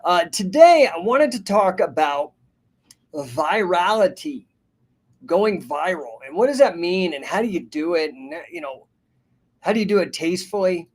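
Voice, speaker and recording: A man's voice: sits high, lively intonation, measured pace. A man in his fifties hosting a live stream, chatting casually and rambling as he reads out viewer names and comments. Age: 50s. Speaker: host and business coach. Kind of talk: casual livestream talk.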